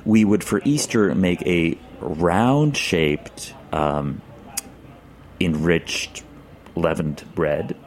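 A man with a very low voice talks slowly through food traditions as a studio guest. He pauses often and fills the gaps with ums and uhs, building his points step by step. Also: a little mellow. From Czech Republic. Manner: thoughtful, explains with many pauses and fillers. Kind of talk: casual studio conversation. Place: radio studio.

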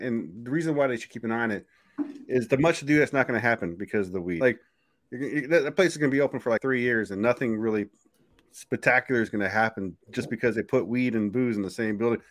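A man's voice: mid-range voice, lively intonation, fast. Joking, loose-talking man. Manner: loose and joking, swears freely, laughs easily. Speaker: podcast co-host. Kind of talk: casual chat.

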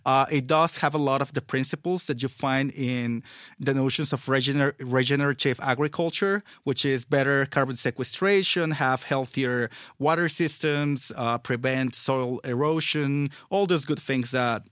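A man's voice: mid-range voice, moderate pace, a bit bright, dry recording, studio quality. A man from Mexico, a native Spanish speaker with a Mexican accent and Spanglish-tinged English, explaining things casually with reflective, teasing enthusiasm. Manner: Spanglish, English with Spanish-influenced words and pronunciation.

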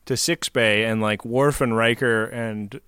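A man's voice: mid-range voice, fairly even intonation, unhurried, bright, forceful tone, clear, resonant tone, no echo, studio quality. A man co-hosting a podcast, chatting casually and jokingly about a TV episode, laughing often. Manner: joking, laughs often, retells scenes with playful voices. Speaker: podcast co-host. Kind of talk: casual chat recapping a TV episode.

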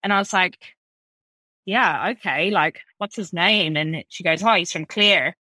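A woman's voice: lowish voice, measured pace, sharp tone, no echo, low-quality recording. A woman, a chef rambling animatedly in a casual podcast interview, full of filler words and swearing. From New Zealand.

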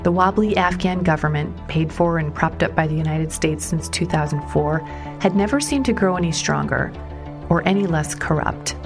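Woman, documentary narrator, scripted, measured, lowish voice, music bed underneath. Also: creaky. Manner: measured storytelling with emphatic questions. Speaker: podcast reporter and narrator.

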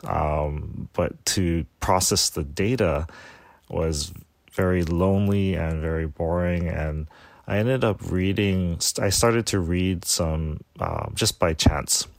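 Man from hawaii, deep gravelly voice, halting casual speech, dry sound. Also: dry recording. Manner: halting, many fillers and restarts. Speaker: guest, tea shop owner. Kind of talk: casual interview talk.

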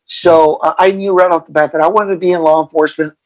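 A middle-aged man from El Paso, Texas, who coaches athletes in mindfulness, answers a guest interview's questions with many fillers and restarts. His voice is on the high side, steady and fast, in a rough recording with no room sound.

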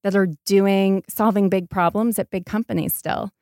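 Speaking as a podcast guest, a startup entrepreneur from Maine in the United States answers reflectively and conversationally, leaning on emphasis to make her points. Her mid-range voice is darkish, fairly even in intonation, and moderately paced. The recording is dry and studio-clean.

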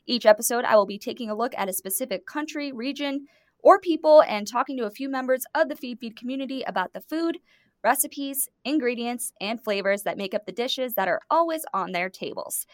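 A woman's voice: fairly high pitch, animated, fairly quick, no echo, clean studio sound. Upbeat woman hosting a podcast. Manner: enthusiastic, reads guest bios with emphasis. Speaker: guest podcast host. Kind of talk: scripted introduction then interview.

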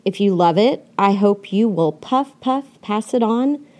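Tucked under a blanket on her bed, a woman hosts her podcast in a solo monologue, so her voice comes through muffled. She's candid and chatty, swearing casually and laughing often. Her pitch is medium, her tone animated and a little mellow, and she speaks a little slowly.

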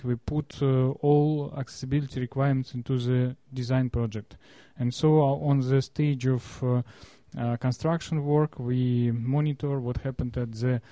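Halting Russian-accented man, dark dry voice. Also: medium pitch, no echo. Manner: halting, searching for words in non-fluent English. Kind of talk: interview answers, explanatory.

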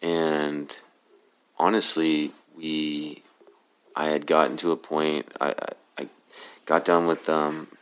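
A man from Oklahoma with a very deep, low magnetic voice, answering interview questions casually in a hesitant, laid-back, halting way. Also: flat delivery, a bit bright, clean tone. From Oklahoma City, USA. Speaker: podcast guest, cannabis grower.

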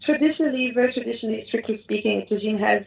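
A woman with a North African accent answering interview questions in a conversational, explanatory way, often pausing and repeating words as she thinks. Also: a little high, creaky. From Morocco. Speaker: interview guest, Moroccan food cook. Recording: thin, phone-like call audio.

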